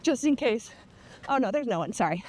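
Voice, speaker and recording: A woman chatting casually and candidly while running in the heat, playful and quick to swear. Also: on the high side, expressive, a little mellow, slight background noise.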